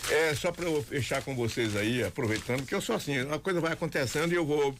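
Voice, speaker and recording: An older male co-host, somewhat high-pitched for a man, chimes in on a radio interview. He speaks haltingly, restarting his sentences as he works his way into a story. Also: a bit bright, slight background noise. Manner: halting and anecdotal, with many restarts.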